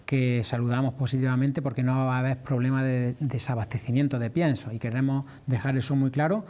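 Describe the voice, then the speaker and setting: A man with an Andalusian accent giving measured, explanatory answers as a farming representative in a formal interview. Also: medium pitch, steady tone, mellow. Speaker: farmers' organisation representative being interviewed.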